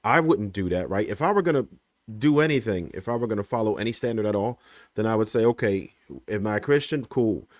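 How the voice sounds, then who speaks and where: A man giving his opinion on a livestream panel, measured, checking in with "right?" as he goes. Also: fairly low pitch, lively intonation, a little mellow, dry recording, studio quality. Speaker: panel guest.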